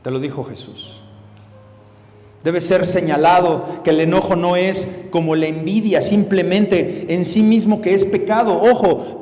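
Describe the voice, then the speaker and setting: Emphatic high-voiced male preacher in echoey hall. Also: darkish tone. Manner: emphatic, addresses listeners directly with rhetorical questions. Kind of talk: sermon.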